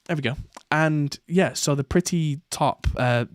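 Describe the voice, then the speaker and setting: A man's voice: a little high, a little slow, no room sound, clean studio sound. A man hosting a podcast, talking casually in a rambling way with plenty of fillers and restarts. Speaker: podcast host. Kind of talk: casual chat.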